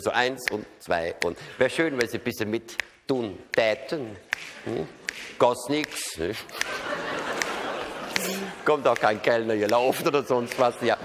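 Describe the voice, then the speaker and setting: Wry Rhineland comedian on an opera stage. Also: male voice, medium pitch. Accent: Rhineland German. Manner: wry, chatty, lots of tag questions. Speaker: cabaret comedian. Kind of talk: live stage comedy monologue. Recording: live hall recording, long reverb, faint noise.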